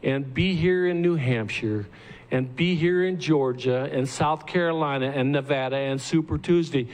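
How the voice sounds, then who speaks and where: A man speaking at a campaign event, rallying supporters in a slow, deliberate way. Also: mid-range voice, a little mellow. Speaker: campaign supporter introducing the candidate. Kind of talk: rally pep talk. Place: event room with audience. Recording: faint ambient noise.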